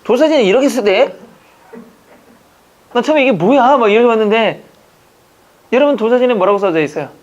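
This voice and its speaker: A man from Jeju Island teaching an exam-prep language class, chatting, joking and quizzing his students with quick questions. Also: extremely high pitch, animated. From Jeju Island, Korea. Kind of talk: classroom lecture. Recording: dull lo-fi lecture recording.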